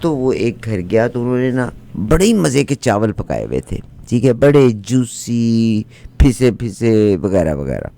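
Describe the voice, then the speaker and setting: Speaking unhurriedly in a creaky, mid-range voice, a Punjabi-accented man plays a talkative middle-aged woman. Her comic folk tale is told with animated energy, its funny lines chanted over and over.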